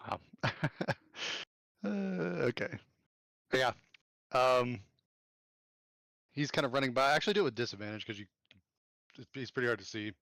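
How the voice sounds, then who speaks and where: A man narrating as game master in an online tabletop game, casual and loose, with fillers and quick self-corrections. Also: medium pitch, animated, creaky, a bit bright, no echo.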